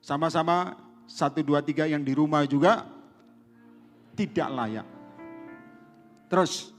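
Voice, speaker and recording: A man's voice: a little high, slow pace, long reverb tail, soft background music. A man preaching a sermon as pastor, calling out to the congregation and urging them to respond. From Indonesia. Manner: lively preaching, calls to the congregation.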